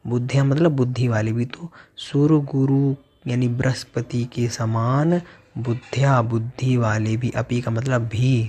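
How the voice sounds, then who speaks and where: Male religious teacher, husky voice, slow chanted verses, then word-by-word explanation. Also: medium pitch, fairly even intonation, dark tone.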